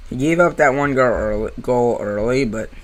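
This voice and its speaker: A young man with a New Jersey accent doing casual live hockey play-by-play, surging with excitement on big plays and chatting to his viewers in between. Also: mid-range voice, moderate pace. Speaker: amateur play-by-play streamer.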